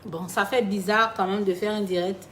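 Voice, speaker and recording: A woman's voice: medium pitch, fairly even intonation, normal speed, a bit bright, a little hiss or hum. A woman, chatting on a phone livestream to followers she calls her babies, turning sombre and reflective when she talks about loss. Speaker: live streamer talking to her followers. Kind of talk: casual live-stream chat.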